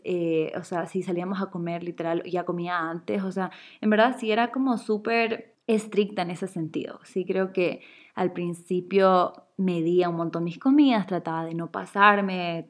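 A woman in her twenties, born in Chile, talking candidly and casually to her viewers, with lots of fillers and light laughs. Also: lowish voice. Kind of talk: casual vlog monologue.

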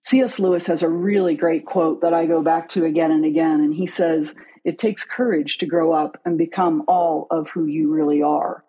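A middle-aged business leader from West Virginia, telling their life story as a podcast guest in an earnest, open way that slows down on key points. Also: medium pitch, steady tone, dark tone, breathy edge, muffled recording. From West Virginia, USA. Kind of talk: reflective personal storytelling.

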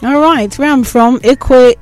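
A woman's voice: high voice, unhurried, faint music behind. A woman hosting a podcast interview in an informal, conversational way, checking in with "right?". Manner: informal, often adds "right?". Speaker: podcast host.

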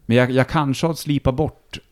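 A man with a Hälsingland Swedish accent, chatting casually as a guest, relaxed and rambling, swearing easily. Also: medium pitch. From Sweden, Hälsingland. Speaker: musician and radio host, guest. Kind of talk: casual conversation.

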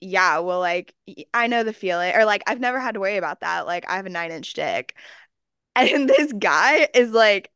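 A young woman from Texas tells stories on a podcast, jumping into little acted-out quotes and leaning on fillers. Her voice is smooth and resonant, recorded close and dry. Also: mid-range voice, normal speed, dry recording. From Austin, Texas. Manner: animated storyteller, acts out quotes, many fillers. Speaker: podcast co-host. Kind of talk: casual chat, storytelling.

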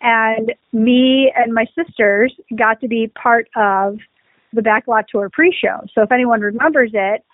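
A woman's voice: fairly high pitch, a little slow, dry recording. A woman co-hosting a casual podcast, telling rambling stories in a chatty, easygoing way. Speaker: podcast co-host. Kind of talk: casual chat. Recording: dry, phone-like lo-fi sound.

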